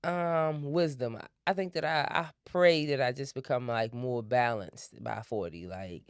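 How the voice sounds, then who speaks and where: A woman's voice: very deep voice, a little slow, clear, resonant tone, no room sound, studio quality. A woman in her thirties hosting a podcast, telling stories in a laid-back, slangy way. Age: 30s. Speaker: podcast host. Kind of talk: casual chat.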